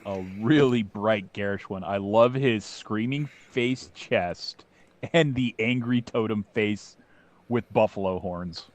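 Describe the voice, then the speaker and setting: A man's voice: on the low side, slow. A man co-hosting a casual chat about toys, joking and crude.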